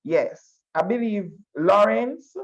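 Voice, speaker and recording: Man, teacher, online class lecture, video call audio, slow deliberate delivery, restarts and repeats phrases, dull lo-fi sound. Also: sits high, animated. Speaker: history teacher.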